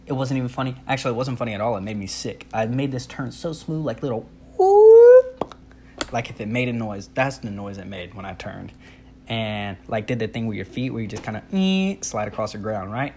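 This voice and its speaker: A young man with a fairly low voice quickly tells a funny personal story, casual, animated, and self-deprecating, acting out his own reactions. There's a little hiss or hum on the recording.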